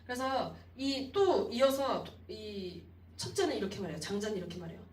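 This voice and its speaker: A woman evangelist preaching a youth sermon in an expressive storytelling manner, acting out the people in the story. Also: mid-range voice, normal speed, slight background noise. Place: church sanctuary. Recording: roomy echo, distant mic.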